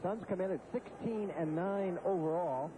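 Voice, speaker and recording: American guy doing basketball play-by-play, pretty high voice, loud music behind him. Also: normal speed, poor audio. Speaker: play-by-play sports announcer. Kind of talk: live basketball broadcast commentary.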